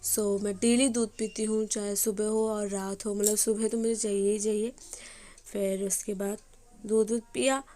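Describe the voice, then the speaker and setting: Hoarse young woman, flat mellow voice, rambling chatty narration, family vlog. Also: medium pitch, moderate pace. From Bengali family. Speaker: vlogger.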